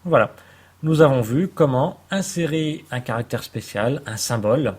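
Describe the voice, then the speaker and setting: A man calmly explaining a software tutorial step by step, with the occasional hesitation, over a screen recording. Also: mid-range voice, normal speed, husky. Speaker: computer tutor.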